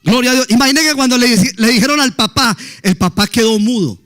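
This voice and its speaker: A man's voice: extremely high pitch, a little fast, fairly bright tone. A middle-aged male pastor, preaching a sermon with emphatic exclamations of praise.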